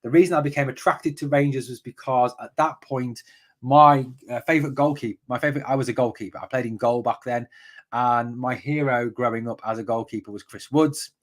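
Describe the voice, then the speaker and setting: A man's voice: medium pitch, fairly even intonation, a little fast. A man in his forties from the northeast of England hosts a live fan podcast from a room at home. He talks in a loose, rambling way, wandering off on tangents and restarting sentences, with an ordinary mid-range voice. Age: 40s. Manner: rambling, chatty, goes off on tangents, many fillers and restarts. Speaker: podcast host. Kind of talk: live-stream football chat.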